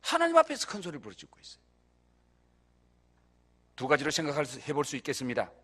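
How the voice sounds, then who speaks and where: Animated high-voiced male pastor preaching. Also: quick pace, slightly rough. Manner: rhetorical questions, emphatic swells in volume. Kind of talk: sermon. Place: church.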